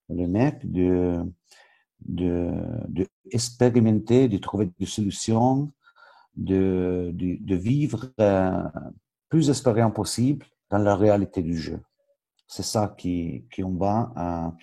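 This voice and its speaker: A man from Switzerland, a native Italian speaker with an Italian accent, presenting a webinar as a football coach educator and haltingly searching for words in a second language. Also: low voice, vocal fry, warm tone, husky.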